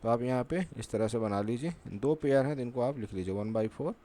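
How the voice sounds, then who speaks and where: A man with a dark, medium-pitched voice and lively intonation teaches maths at a board at normal speed, with slight background noise. Patient and repetitive, he keeps saying "ठीक है" and poses rhetorical questions that he answers himself.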